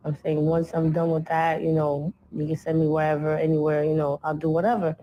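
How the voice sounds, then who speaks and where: A woman recalling her late husband in a documentary interview, speaking softly and reflectively with frequent "you know what I'm saying". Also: low voice, level tone, a little fast, lo-fi sound, a little hiss or hum. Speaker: interviewee, late rapper's wife.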